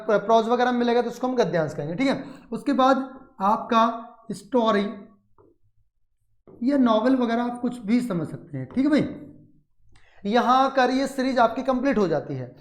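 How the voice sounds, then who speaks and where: A man with an Indian accent teaching a grammar lesson, asking and answering his own questions and dictating slowly word by word. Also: extremely high pitch, roomy sound. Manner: explains in Hindi mixed with English, asks and answers his own questions.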